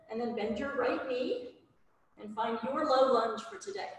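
A woman instructing a yoga class, calling out directive cues in short, clipped commands. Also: a little high. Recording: very echoey hall, distant mic, background noise.

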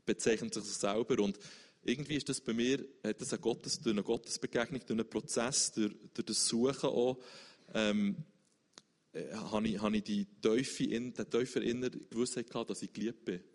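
A man's voice: lowish voice, steady tone, normal speed, long reverb tail. A man, speaking earnestly about his faith as an interview guest, searching for words with frequent restarts.

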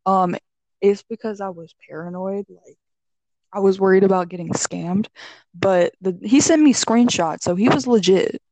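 Young woman chatting, slangy n blunt, medium pitch, close dry sound, tells little stories. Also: normal speed, dark tone, dry recording, rough recording. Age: young adult. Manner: slangy, blunt, swears freely, quotes people animatedly. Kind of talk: casual chat, telling anecdotes.

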